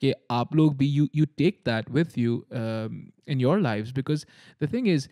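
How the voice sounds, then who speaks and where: A man's voice: mid-range voice, expressive, takes it slowly, dark tone, no echo, clean studio sound. A man hosting a casual conversation, emphatic and repeating words, with some Urdu phrases mixed in. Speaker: podcast host.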